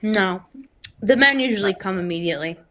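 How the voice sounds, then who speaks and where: Woman playing a bright, airy, clueless young woman. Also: mid-range voice, animated, brisk, a little hiss or hum. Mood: flat. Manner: airy, matter-of-fact and clueless. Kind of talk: improv comedy character.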